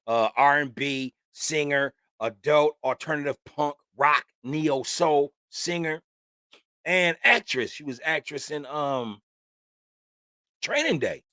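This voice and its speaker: Male podcast host, mid-pitched voice, loose slangy delivery peppered with "man", dry close recording; casual opinion chat. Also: pushed and bright, dry recording. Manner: loose, slangy and talkative, with frequent "man" and "you know what I'm saying".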